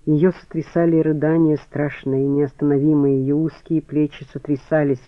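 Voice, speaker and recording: A man reading an audiobook in scripted narration, with an even, measured delivery. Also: fairly high pitch, dry recording. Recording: phone-like, dry.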